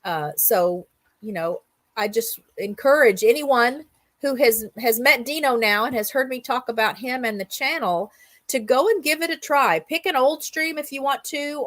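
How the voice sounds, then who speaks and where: In a dry recording, a middle-aged or older woman hosting a livestream roundup show chats casually, telling stories in an enthusiastic, rambling way. Her voice is a little high and a bit bright.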